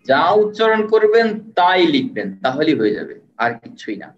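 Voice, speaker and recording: Man, online tutor, patient, repeats and sounds words out slowly, somewhat high pitch, dull lo-fi sound. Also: sing-song, soft background music. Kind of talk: live online lecture. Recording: roomy, distant, dull sound.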